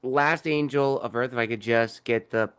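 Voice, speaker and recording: A man's voice: medium pitch, moderate pace, fairly bright tone, smooth. A young adult man, an author being interviewed on a video call, talking about his books with enthusiasm and plenty of fillers. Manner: enthusiastic, explains at length with fillers. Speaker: author and podcast host, guest here. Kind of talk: casual interview talk.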